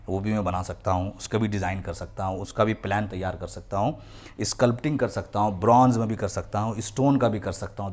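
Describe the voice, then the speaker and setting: In a classroom history lecture for children, a man with a fairly low voice explains each term and repeats the important points. He often slips into English phrases.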